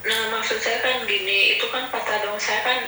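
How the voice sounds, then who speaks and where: A woman's voice: on the high side, steady tone, normal speed, sharp tone, a little hiss or hum. Upset woman caller, far and echoey. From Indonesia. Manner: upset, pleading, laughs nervously. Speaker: caller, domestic worker. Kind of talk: call-in chat, telling her story.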